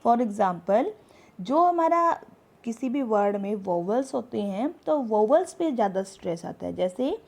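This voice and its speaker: Slow, gravelly-voiced woman teacher. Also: on the high side, big pitch swings, a little mellow. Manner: slow, explanatory, reads English tips aloud. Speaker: English teacher. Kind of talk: spoken English lesson in Hindi.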